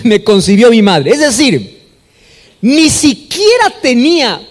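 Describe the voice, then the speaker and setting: A Peruvian man preaching a sermon with emphasis, asking the congregation questions and answering them himself. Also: extremely high pitch. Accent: Peruvian Spanish. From Peru. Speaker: pastor. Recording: echoey hall with long reverb.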